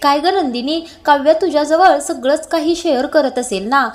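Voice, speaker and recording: A woman's voice: high-pitched, moderate pace, close to an everyday voice. A woman voicing a suspicious middle-aged mother-in-law who pries with pointed questions, in a retold serial scene. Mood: prying. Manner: prying questions.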